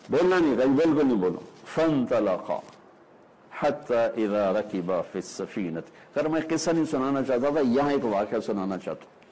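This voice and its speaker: A man preaching a sermon, telling a story with acted-out dialogue and slowly recited verses. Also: mid-range voice, warm tone, low-quality recording.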